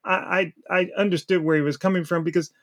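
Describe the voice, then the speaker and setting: A man's voice: high voice, steady tone, fast, a bit bright. A man co-hosting a sports talk show, delivering an emphatic opinion rant with repeated words and short laughs. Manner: emphatic, repeats words while searching, laughs between points. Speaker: podcast co-host.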